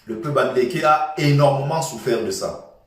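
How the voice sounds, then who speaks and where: A man's voice: medium pitch, normal speed. A man giving an impassioned, repetitive political monologue, lecturing his listeners. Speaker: political commentator. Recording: echoey room from far off.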